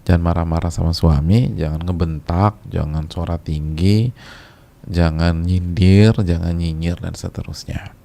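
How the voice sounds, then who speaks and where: A man's voice: sits low, fairly even intonation, measured pace, creaky, mellow. A man preaching a casual sermon to a congregation of women, repeating key phrases for emphasis, mixing in Arabic, with chatty colloquial asides. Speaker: Islamic preacher.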